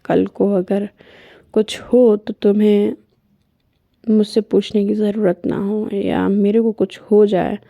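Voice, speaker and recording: A woman voicing a caring, protective wife who explains things to her partner earnestly and gently, in a storytelling vlog. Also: medium pitch, flat delivery, slow pace, creaky, dry recording, studio quality. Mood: earnest, tender.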